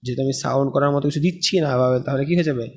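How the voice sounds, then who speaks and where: A man's voice: medium pitch, very fast, a little hiss or hum. A man teaching an Arabic course, explaining step by step and often checking with questions. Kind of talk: recorded lesson lecture.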